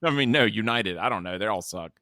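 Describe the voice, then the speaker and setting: A man's voice: lowish voice, lively intonation, fast talker, pushed and bright, dry recording, studio quality. A man co-hosting a movie podcast, chatting casually with joking, sarcastic asides. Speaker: podcast co-host.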